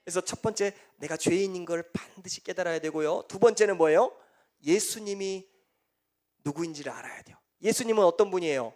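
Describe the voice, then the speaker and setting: A young male preacher with a rather high voice delivers a sermon. He draws the congregation in with repeated questions, then gives the answers softly and with weight. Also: a little fast. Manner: asks the congregation questions and answers them himself; drops soft and low on key answers. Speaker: evangelist preaching.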